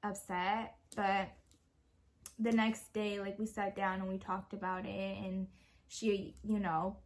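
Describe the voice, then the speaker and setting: A young woman and parent telling a story in a casual question-and-answer video, chatty and quick to laugh. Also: mid-range voice, level tone. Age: young adult. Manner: giggly, laughs often while telling a story; chatty, full of fillers and quoted speech. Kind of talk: casual Q&A chat.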